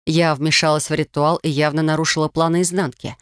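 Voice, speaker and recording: An audiobook narrator reads a first-person fantasy story with an emotive, dramatic delivery. The voice is mid-pitched. The recording is dry and close, with no room sound. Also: little pitch movement, fairly quick, smooth, no echo.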